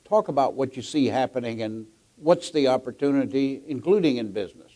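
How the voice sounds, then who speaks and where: A man with an American accent introducing and interviewing a guest before an audience, measured and rhetorical, repeating phrases for emphasis. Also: medium pitch, animated, mellow. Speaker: event host and interviewer. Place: on stage at a luncheon event.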